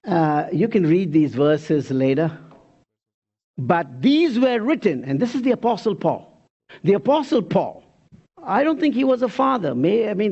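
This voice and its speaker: A man in his sixties preaching a sermon in an animated way, firing rhetorical questions and swinging between loud and soft. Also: on the high side, muffled recording. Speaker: pastor.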